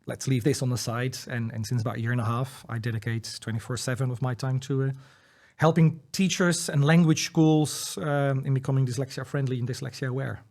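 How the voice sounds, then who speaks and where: A Dutch-speaking dyslexia educator, appearing as a guest in a casual interview, talks earnestly and encouragingly, often restarting sentences and repeating words as he thinks aloud, with light laughs between points. His mid-range voice is fairly quick and a little mellow, with fairly even intonation.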